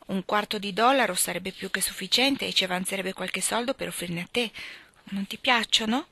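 A woman's voice: medium pitch, moderate pace, creaky, sharp tone, dry recording. Woman reading as a prim, self-important young girl. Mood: earnest, pleading. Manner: prim, earnest, showing off fancy words.

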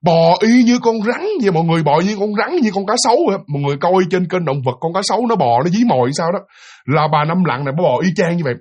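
Lively, fast-talking man. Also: high-pitched, highs cut off. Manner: chatty, with many fillers, addressing the listeners directly. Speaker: storyteller. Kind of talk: casual spoken ghost story.

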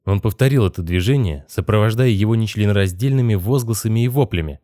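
Low-voiced man narrating an audiobook. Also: quick pace, dark tone, no room sound, studio quality. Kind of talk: scripted narration.

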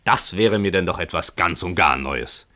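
A man's voice: sits low, animated, normal speed, sharp tone. A man voicing a furious old landlord who screeches and splutters with outrage in a radio story reading.

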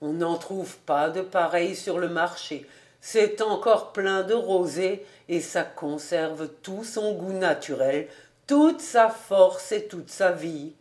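A woman's voice: fairly low pitch, expressive, slow, a little mellow. A woman voicing a cheerful, eager man who exclaims heartily in an audiobook. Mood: hearty.

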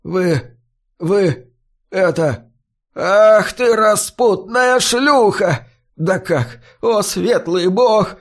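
A man voicing a heartbroken, furious old farmer who shouts and sobs in a strained, high voice in an audiobook. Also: expressive, a little slow. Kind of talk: audiobook character voice.

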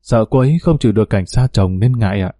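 Young man figure, gentle and soothing, voiced by a man reading aloud; warm dark tone, dry read. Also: fairly low pitch, fast talker, dry recording, lightly acted. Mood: earnest. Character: young man, kind, easygoing.

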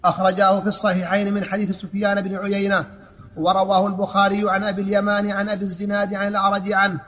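A man reading a classical text aloud in a lesson, in a flat, even recitation with small stumbles and restarts. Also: high voice, racing.

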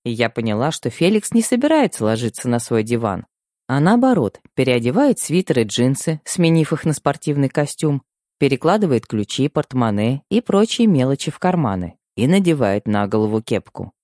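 Man narrating with a lively pitch. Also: normal speed, no room sound, clean studio sound. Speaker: audiobook reader. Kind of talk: scripted first-person narration.

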